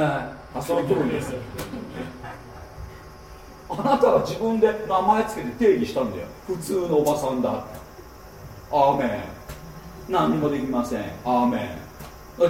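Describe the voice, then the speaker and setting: A man preaching at a seminar, teaching with lively emphasis and often checking in with his listeners. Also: fairly high pitch, slight background noise. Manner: animated teaching with frequent rhetorical checks. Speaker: pastor. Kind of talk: seminar sermon. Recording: echoey hall, mic at a distance.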